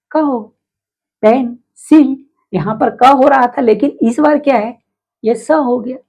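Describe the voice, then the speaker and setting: A woman's voice: fairly high pitch, vocal fry, warm tone, husky. A woman teaching English syllables in a video lesson with a Hindi accent, repeating key terms and asking rhetorical questions.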